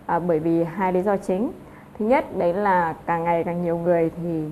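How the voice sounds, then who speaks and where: A woman's voice: medium pitch, a little mellow, a little hiss or hum. A woman teaching an English lesson, explaining step by step with frequent filler sounds.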